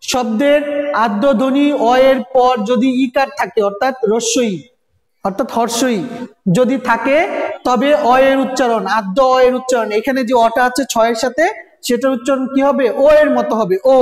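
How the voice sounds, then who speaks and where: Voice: high-pitched, steady tone, normal speed. Teacher quizzing students in an echoey room. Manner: constant rhetorical questions to students, repeating and spelling out sounds. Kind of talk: recorded grammar lesson for students. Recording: echoey room with long reverb.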